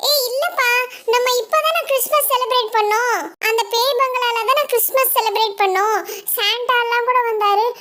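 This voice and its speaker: A woman's voice: very high-pitched, moderate pace, sharp tone, a little hiss or hum. A woman voicing Mini, a frightened schoolgirl doll who pleads and squeals in a doll story. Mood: bewildered.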